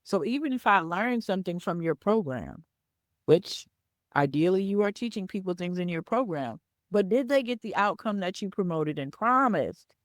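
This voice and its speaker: A woman's voice: fairly low pitch, no room sound. Woman podcast host, business coach, emphatic, repeats points, dry recording. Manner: emphatic, repeats key points with "right?" and "okay?". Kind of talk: solo podcast monologue.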